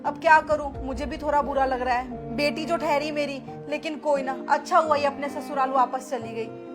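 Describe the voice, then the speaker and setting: A woman's voice: high voice, moderate pace, music in the background, close to an everyday voice. Woman playing a sly scheming mother-in-law. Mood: pleased.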